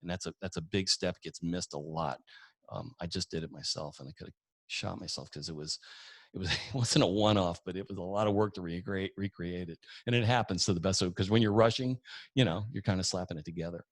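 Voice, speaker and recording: Deep voiced guy teaching a webinar, chatty and folksy, acts out little stories, no room echo. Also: fairly quick. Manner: chatty, folksy, tells anecdotes with acted-out dialogue. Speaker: webinar presenter. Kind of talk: casual demo lesson.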